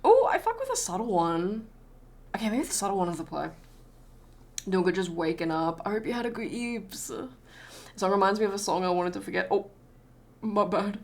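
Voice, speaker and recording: A woman's voice: mid-range voice, big pitch swings, moderate pace, long pauses. An Australian woman chatting casually on a live stream while she draws, greeting viewers and swearing freely.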